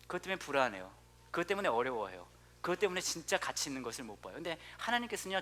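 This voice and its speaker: A man in his thirties preaching a sermon, telling stories with lots of animation and then dropping to a soft, near-whispered tone for his earnest points. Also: on the high side, slight background noise. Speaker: pastor. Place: church sanctuary.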